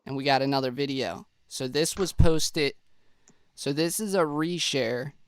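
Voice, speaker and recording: A man's voice: mid-range voice, measured pace, clear, resonant tone, dry recording. Stuffy, chatty man narrating a presentation. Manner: chatty, addresses viewers as guys, restarts. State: stuffy, slightly out of breath. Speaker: true-crime video host. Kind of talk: casual presentation walkthrough.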